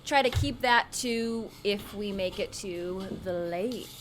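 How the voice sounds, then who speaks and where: A woman's voice: medium pitch, slow, a little hiss or hum. A woman co-hosting a streamed tabletop game, explaining the rules in a chatty, friendly way. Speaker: co-host.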